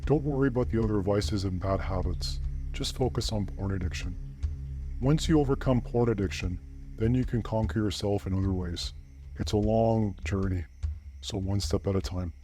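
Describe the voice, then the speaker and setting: A man whose voice is pitch-shifted deeper, delivering an earnest, preachy scripted monologue as a channel host. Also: moderate pace, dark tone, soft background music.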